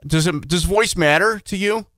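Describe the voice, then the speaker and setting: A man co-hosting a radio morning show, chatting casually in a quick, joking, self-deprecating way. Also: high voice, fairly bright tone, no echo, clean studio sound.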